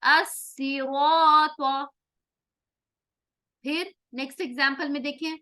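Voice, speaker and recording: A woman teaches recitation rules in a slow, patient way. She repeats each rule and sounds out example words over and over. Her voice is high and bright. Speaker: tajweed teacher. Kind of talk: explanatory lesson with recited examples.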